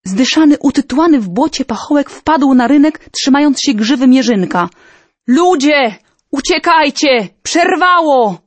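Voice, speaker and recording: A woman reading a historical story aloud in a measured, solemn, dramatic manner. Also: high-pitched, lively intonation, a little mellow, husky, dry recording. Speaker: narrator. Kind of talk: storybook narration.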